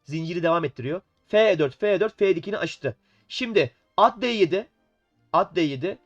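A man with a cold talks through a chess game in a loose, playful way and gives the pieces their own lines. His voice sits high, and the recording is dull with faint background music. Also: animated, normal speed. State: has a cold. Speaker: chess commentator. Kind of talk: casual chess game analysis.

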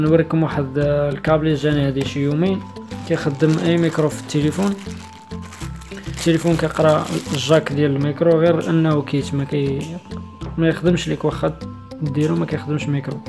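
Male vlog host, Moroccan accent, very rapid informal giveaway announcement, slightly high voice, dull lo-fi sound. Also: flat delivery, music in the background. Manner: informal, off-the-cuff. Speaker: video channel host.

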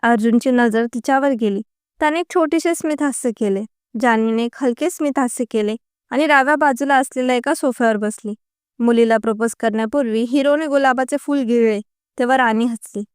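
A woman narrating a story in an even, unhurried reading voice. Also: fairly high pitch, clear, resonant tone, dry recording, studio quality.

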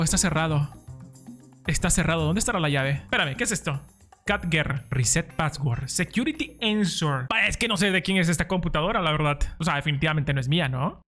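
A Mexican man commentating a horror game in his parents' house, joking, swearing and breaking into high yelps. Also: fairly bright tone. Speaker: gaming youtuber. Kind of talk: let's-play commentary.

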